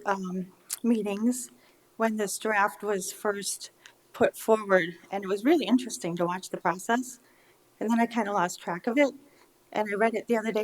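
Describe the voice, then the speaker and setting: A woman's voice: a little high, rough recording. A woman in her fifties with an American accent gives earnest, informal public comment at a local meeting, her articulation slightly slurred by dental braces. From United States. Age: 50s. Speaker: resident giving public comment.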